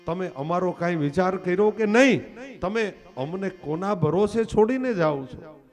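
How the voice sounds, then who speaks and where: A man's voice: high voice, animated, moderate pace, darkish tone, soft background music. A man voicing the cowherd women anxiously pleading with their departing lord, within a devotional sermon.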